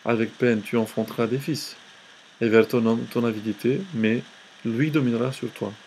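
A man teaching an Old Testament class, reading scripture aloud slowly with hesitations and restarts. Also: medium pitch, steady tone, darkish tone, a little hiss or hum. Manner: slow, halting reading with restarts.

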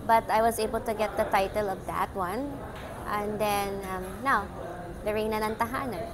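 A woman's voice: medium pitch, fairly even intonation, moderate pace, noisy background. A young woman who grew up in Canada, a pageant candidate answering interview questions in a bubbly, casual way, switching between English and Tagalog with many ums. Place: indoor venue with red bench.

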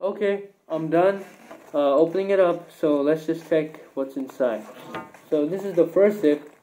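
Young man, muffled by a cloth mask, mellow tone, slightly high voice, casual rambling review. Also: a little slow. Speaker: gear reviewer.

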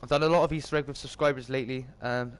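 Talking very fast in a steady tone, a British streamer hosts an easygoing livestream, his mid-range voice of medium pitch slightly croaky from the morning. He treats his audience like pals, with friendly hellos and loose, improvised banter.

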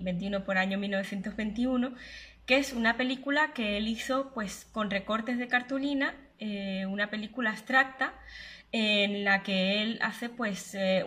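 Woman in her thirties, bright forceful voice, webcam lecture, hesitant and explanatory. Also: mid-range voice, normal speed. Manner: explanatory, many fillers and self-corrections. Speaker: filmmaker and researcher giving a lecture. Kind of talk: online lecture. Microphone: webcam at close range.

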